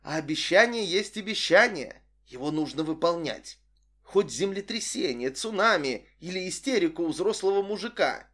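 A man reading an audiobook voices a manipulative young woman who speaks in a cool, flat, matter-of-fact way. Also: sits high, moderate pace, pitched above the performer's own voice. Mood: dismissive.

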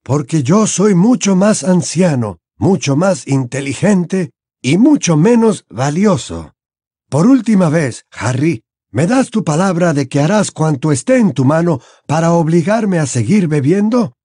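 A male audiobook reader voicing an elderly wizard headmaster with slow, high, drawn-out pleas. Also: lively intonation, warm tone, husky, no room sound, clean studio sound. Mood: firm, insistent. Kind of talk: audiobook character voice.

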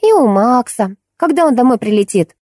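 A woman's voice: fairly high pitch, animated, normal speed, darkish tone, no echo, clean studio sound, pitched above the performer's own voice. A woman reading an audiobook, voicing a cheerful little girl. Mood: curious.

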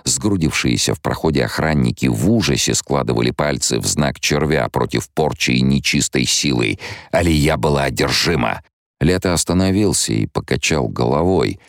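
Very deep, gravelly male audiobook narrator. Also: no echo, studio quality. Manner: steady, dramatic reading. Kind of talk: scripted narration.

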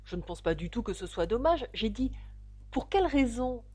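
A curious, plucky young girl as a woman reads her answers back in a firm, decided voice. The tone is husky and the melody moves lively up and down, a little raised from plain narration. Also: on the high side, normal speed, voice pushed up. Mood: determined. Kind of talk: storybook reading.

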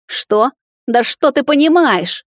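A woman's voice: medium pitch, moderate pace, no echo, clean studio sound, close to an everyday voice. Woman voicing a sneering evil witch mother. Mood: menacing scorn. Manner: mocking, snarling, raised sharp voice. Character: cruel scheming witch mother, middle-aged woman.

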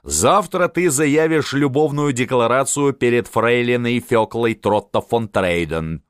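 A man's voice: mid-range voice, measured pace, clear, resonant tone, no room sound, clean studio sound, voice pushed up, lightly acted. A man voicing a scheming, commanding old field marshal who barks his orders, in an audiobook. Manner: barking, domineering.

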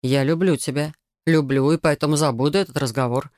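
A woman reading an audiobook voices a young man who slowly and insistently justifies himself to his fiancée. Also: sits low, steady tone, a little mellow, no echo, clean studio sound, lightly acted. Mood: dismissive.

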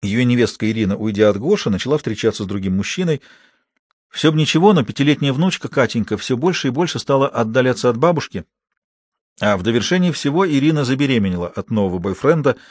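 A man narrating an audiobook in a steady, measured reading voice. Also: medium pitch, no room sound.

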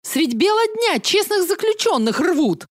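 A woman voicing a loud, indignant female herb trader in an audiobook, wailing and shrill. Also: very animated, unhurried, no echo, clean studio sound, full character voice.

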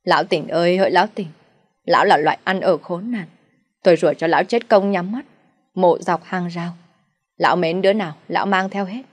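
A woman's voice: fairly low pitch, fast, natural voice. A woman voicing a shrewish middle-aged stepmother who scolds, curses and wails for the village to hear. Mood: wailing curses. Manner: scolding, cursing, wailing to the village.

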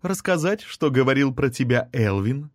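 A man's voice: medium pitch, expressive, moderate pace, dry recording, studio quality, close to an everyday voice. Haughty teasing witch, voiced by a man. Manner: teasing, arrogant.

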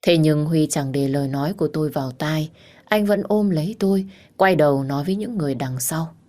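A woman narrating a romance story in the first person, calm and measured. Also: sits low.

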